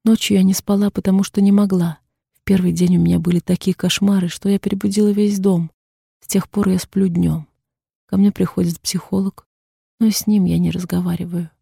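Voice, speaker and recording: Gravelly, husky woman reading a novel. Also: mid-range voice, flat delivery, brisk, dark tone, no echo, clean studio sound. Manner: subdued, introspective reading. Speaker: audiobook reader. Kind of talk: first-person novel narration.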